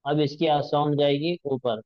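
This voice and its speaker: A man's voice: on the high side, steady tone, moderate pace, no room sound, lo-fi sound. A male teacher giving a patient recitation lesson, drawing out sounds to demonstrate them.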